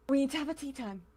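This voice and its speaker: A woman voicing a bubbly, playful teacher who talks eagerly and excitably. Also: sits high, dry recording, exaggerated voice.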